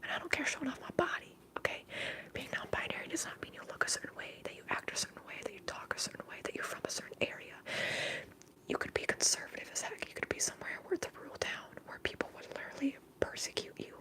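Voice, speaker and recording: A woman hosts an ASMR livestream in a hushed, airy whisper. Her delivery is casual and candid, rambling along as if thinking out loud. Any voiced sounds sit on the high side. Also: sing-song, fast talker. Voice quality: soft breathy whisper. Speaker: livestream host.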